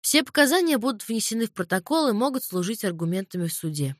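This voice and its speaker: A woman's voice: medium pitch, sing-song, quick pace, no echo, clean studio sound. A woman voicing a bored male police major who drones through official formalities. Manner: droning, official, weary.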